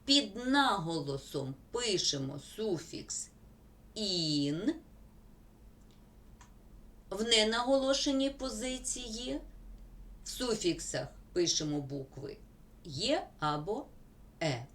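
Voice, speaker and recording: A woman teacher, slowly dictating word examples in a school grammar lesson. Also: medium pitch, big pitch swings, fairly bright tone.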